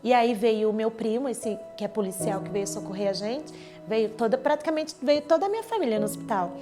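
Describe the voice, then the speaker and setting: A woman's voice: fairly high pitch, expressive, a little fast. Woman telling an emotional testimony. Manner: emotional, vivid retelling with quoted dialogue. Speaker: church member giving testimony. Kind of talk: personal testimony storytelling. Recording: clear background music under speech. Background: soft instrumental music.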